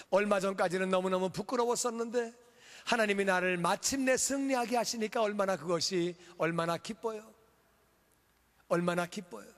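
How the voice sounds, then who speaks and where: A man with a strikingly high voice preaches fervently, repeating his key lines for emphasis. His words ring out with a long reverb that fills the church hall. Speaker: pastor. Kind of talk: sermon. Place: church sanctuary.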